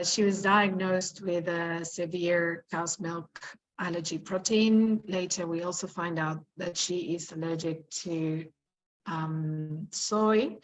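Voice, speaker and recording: A woman from Argentina introducing herself as a panelist over a video call, hesitant with many fillers. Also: fairly low pitch. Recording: lo-fi shaky video call audio.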